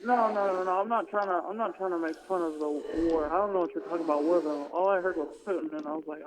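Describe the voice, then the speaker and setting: A man calling in to a live show over a muffled, hollow-sounding phone line. He stammers and hesitates, with a deadpan delivery. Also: sits high, quick pace, a crowd in the background. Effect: muffled hollow phone line, like a headset. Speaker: prank caller. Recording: noisy phone call.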